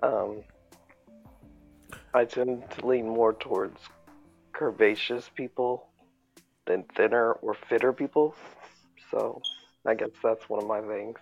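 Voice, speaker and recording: A woman's voice: rumbling low, steady tone, slow pace, creaky, pauses often. A woman with a sultry voice chatting casually as a podcast co-host. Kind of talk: casual panel chat. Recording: dull lo-fi sound, music underneath.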